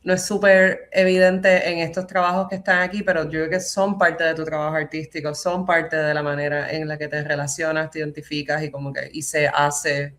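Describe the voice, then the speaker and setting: A woman's voice: low-pitched, little pitch movement, brisk, few pauses, fairly bright tone. A woman moderating an informal panel conversation in tentative, circling phrases.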